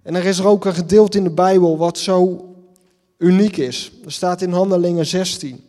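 A man's voice: sits high, fairly even intonation, moderate pace, mellow, long reverb tail. A man preaching a sermon and reading scripture, earnest, with emphatic repetitions and rhetorical questions.

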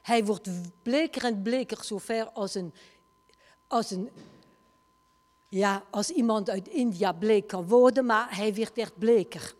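A woman's voice: medium pitch, slow. A woman preaching and retelling a story dramatically, her volume rising and falling sharply. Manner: dramatic retelling, wide swings in loudness. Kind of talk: sermon storytelling. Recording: long hall reverb.

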